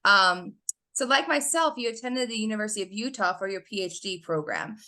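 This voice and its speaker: A woman's voice: mid-range voice, lively intonation, brisk, bright, forceful tone. A woman hosting an academic podcast, reading a formal introduction and asking interview questions. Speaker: podcast host.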